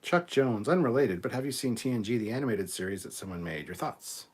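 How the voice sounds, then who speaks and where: A man hosting a live stream, reading viewer comments aloud and answering them in a relaxed, chatty way. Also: medium pitch, a little fast, breathy edge. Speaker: host of a live fan show.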